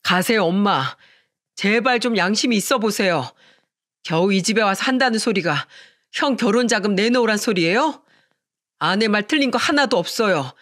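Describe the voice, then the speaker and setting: A narrator voicing a husband who pleads with his mother and gently apologizes to his wife. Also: medium pitch, expressive, normal speed, dry recording, clean studio sound, close to an everyday voice. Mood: pleading, firm. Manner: earnest and pleading. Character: pleading, protective grown son and husband.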